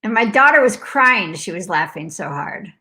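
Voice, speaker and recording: A middle-aged woman hosting the conversation tells a personal story casually at medium pitch and normal speed. She's animated, speaking in loose fragments packed with "like", acting out alarms and laughing often.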